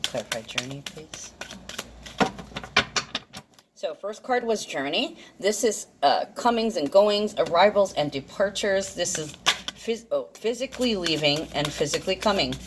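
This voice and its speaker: A woman's voice: mid-range voice, lively intonation, moderate pace, background noise. A woman giving a casual, rambling card and astrology reading, thinking aloud and correcting herself, her articulation slightly off from a dental problem. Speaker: tarot and astrology card reader.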